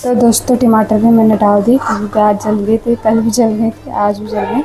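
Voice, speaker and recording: This is casual cooking-vlog narration from a young woman in her home kitchen, who keeps saying "friends" to her audience and feels hot and itchy from the heat. Her voice runs on the high side, level and at normal speed, with music behind her and a clip-on mic giving low-quality sound.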